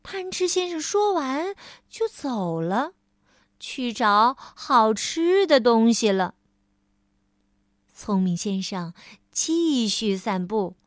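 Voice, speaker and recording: Female storyteller, slow, animated delivery for kids, dry booth sound. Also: fairly high pitch, no room sound. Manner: lively, with many drawn-out fillers in character lines. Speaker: children's storyteller. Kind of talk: storybook reading for children.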